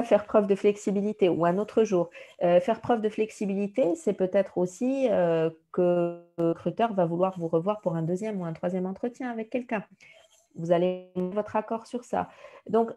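Mellow-voiced woman teaching a workshop. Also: medium pitch. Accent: Moroccan French. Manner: didactic, enumerating points, acts out recruiter lines. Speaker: career workshop trainer.

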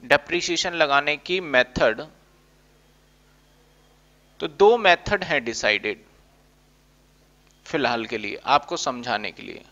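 A man's voice: mid-range voice, lively intonation, slow, long pauses, sharp tone. A man teaching an accounting class in a playful way, acting out his students' questions. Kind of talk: classroom lecture. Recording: dull lo-fi recording.

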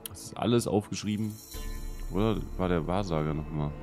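A man gives casual gaming commentary, often muttering to himself as he plays. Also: brisk. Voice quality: deep voice. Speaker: let's play host. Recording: game music behind the voice. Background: video game music.

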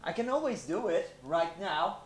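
A man's voice: sits high, big pitch swings, moderate pace. A man streaming live, chatting casually in a rambling, self-deprecating way with many fillers.

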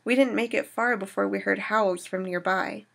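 A woman reading aloud as a shaken young woman survivor recounting an attack, in a steady storytelling manner. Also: mid-range voice, normal speed, gravelly. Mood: grieving.

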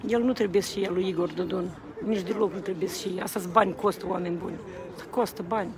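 A woman's voice: on the low side, steady tone, gravelly. Worked-up woman ranting at a street rally, crowd noise all around, keeps calling out to people. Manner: agitated, repeats appeals to the crowd. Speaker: protester speaking to a reporter. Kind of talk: impassioned street interview. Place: outdoors at a public rally.

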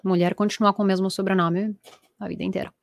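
With an Italian accent, a woman in her thirties from Italy teaches a live online language class from her small home room, reading out viewers' comments in a lively manner and gesturing a lot. Speaking quickly into an earphone headset mic, she has a mid-range voice with vocal fry.

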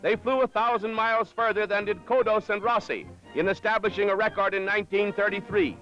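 A man's voice: high-pitched, fairly even intonation, a little fast. A man announcing an old 1930s newsreel in a formal narration, played from archive footage. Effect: old 1937 newsreel soundtrack played from archive. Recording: dull lo-fi 1930s newsreel audio with loud music. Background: loud music.

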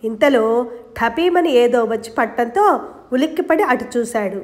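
A woman's voice: on the high side, animated, unhurried. A woman reading a novel aloud as narrator, speaking the characters' dialogue within her own narration. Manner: voices the dialogue lines herself within the narration.

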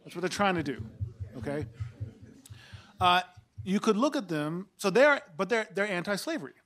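A man's voice: high voice, very animated, normal speed, a bit bright. A man in his forties on an academic panel, explaining history in a lecturing way with restarts and tag questions. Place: seminar room with a panel table and audience. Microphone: table mic on a stand.

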